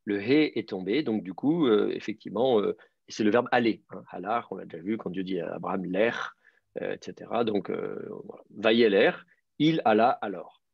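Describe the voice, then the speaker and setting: Gravelly-voiced man teaching a class. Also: fairly low pitch, normal speed, no echo. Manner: hesitant, many fillers and restarts, explanatory. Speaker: teacher of biblical Hebrew. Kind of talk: online class lecture. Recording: dull, dry lo-fi sound.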